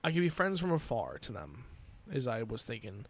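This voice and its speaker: A man in his twenties hosting a solo podcast, earnest and emotional, talking haltingly with many restarts. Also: mid-range voice, huge pitch swings, husky, no room sound. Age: 20s. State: emotional, near tears. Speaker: podcast host. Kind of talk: personal solo podcast talk.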